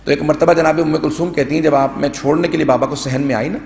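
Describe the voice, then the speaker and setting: A man's voice: on the high side, fairly even intonation, darkish tone. A man, a cleric, delivering a mourning sermon to a gathering, recounting the story earnestly and appealing to his listeners. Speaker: Shia cleric addressing a majlis. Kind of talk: mourning sermon, narrating tragedy. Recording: echoey hall with long reverb.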